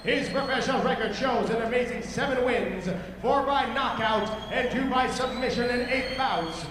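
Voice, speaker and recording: A man working as a bilingual ring announcer, hyping the fight like a brash promoter with drawn-out introductions. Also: very high voice. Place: large indoor fight arena. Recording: echoing arena PA, loud crowd noise. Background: crowd.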